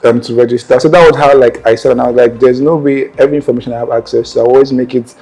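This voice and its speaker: A young man with a Nigerian accent speaks as an interview guest, telling his life story in an earnest, meandering manner and often returning to correct himself, a kind of conversational personal storytelling. His mid-range, darkish voice has a breathy edge and fairly even intonation, and he races along. Audio quality is poor.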